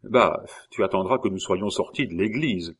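Man reading a hurried young prince whispering in church, lowish, audiobook. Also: slightly rough. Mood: hushed. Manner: hushed, hurried.

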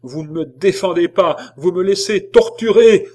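A man voicing a desperate, defiant noblewoman who screams in a shrill, strained falsetto in an audiobook. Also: normal speed, a little mellow, natural voice. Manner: screaming, frantic, defiant outbursts. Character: desperate defiant noblewoman being branded, shrieking.

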